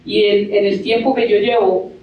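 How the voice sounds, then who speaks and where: A man's voice: high voice, steady tone, moderate pace, muffled recording. A male pastor, preaching a sermon full of rhetorical questions and acted-out quotes. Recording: echoey hall, from far off.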